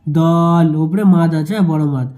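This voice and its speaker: A man with a very dark, mellow voice teaches a Quran reading lesson, speaking a little higher than most men. He sounds out each syllable slowly and patiently, then explains the rules in a calm teacher's manner. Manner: slow syllable-by-syllable spelling and recitation. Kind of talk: Noorani qaida lesson.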